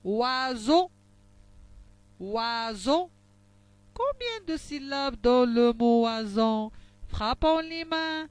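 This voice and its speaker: Slow high-voiced woman teaching phonics. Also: lively intonation, darkish tone, no room sound. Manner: slow, carefully articulated, syllable by syllable. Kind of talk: slow phonics lesson for young children.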